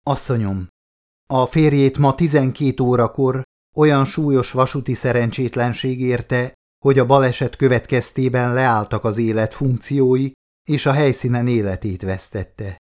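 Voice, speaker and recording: Formal, measured police officer breaking hard news, read by a male narrator. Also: medium pitch, fairly even intonation, a little mellow, natural voice. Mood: solemn. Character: middle-aged male police lieutenant colonel, formal and solemn. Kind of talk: audiobook character voice.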